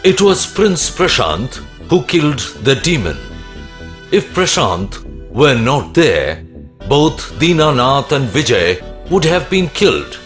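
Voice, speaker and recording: King Vikram, slow and deliberate played by a man. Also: mid-range voice, very animated, a bit bright, soft background music. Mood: measured, reasoning. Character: wise, measured King Vikram. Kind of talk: children's animated story dialogue.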